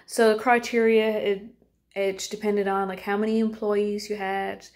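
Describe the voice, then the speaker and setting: A woman's voice: medium pitch, flat delivery, moderate pace, darkish tone. Woman teaching a casual lesson. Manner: conversational, poses questions to students, frequent um and uh. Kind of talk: informal recorded lesson.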